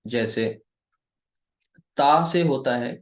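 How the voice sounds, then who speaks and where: A man teaches Arabic grammar, speaking slowly and deliberately at a middle pitch. He keeps asking the viewer questions and then answers them himself. The recording sounds echoey, as in a bare room. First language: Urdu or Hindi speaker teaching Arabic. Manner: deliberate, slow delivery with many repeated checks of "okay". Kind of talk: classroom-style lesson, explaining at a board.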